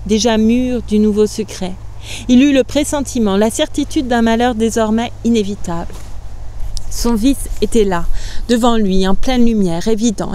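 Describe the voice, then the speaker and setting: A woman narrating a classic novel aloud with measured, expressive delivery. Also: on the high side. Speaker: reader. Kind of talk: literary reading aloud.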